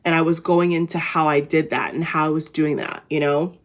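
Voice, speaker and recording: Speaking a little fast in a steady tone, a tired-sounding woman with a raspy, low voice addresses her viewers in a casual inspirational vlog. Her talk rambles, looping back with fillers and restarts as she figures out what she wants to say.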